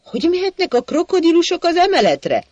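A man voicing a punning, obtuse male coffee-house regular who misreads everything with a deadpan air. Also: high-pitched, no echo, dull audio. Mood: innocent puzzlement.

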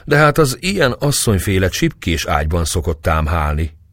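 A man's voice: low voice, big pitch swings, no room sound. A man voicing an earnest, fond young nobleman who has just married, in a dry audiobook recording.

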